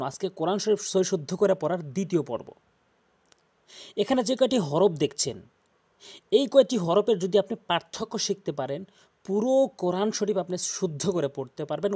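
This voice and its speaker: A man teaching Quran recitation, repeating each Arabic letter slowly to show how it is said. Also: high-pitched, lively intonation, mellow, husky. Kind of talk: tutorial on pronouncing Arabic letters.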